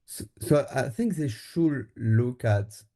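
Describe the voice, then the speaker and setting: In Taiwan, a French co-founder of a marketing agency answers interview questions in a relaxed, casual way, with lots of fillers and restarts. He speaks slowly in a mid-range voice.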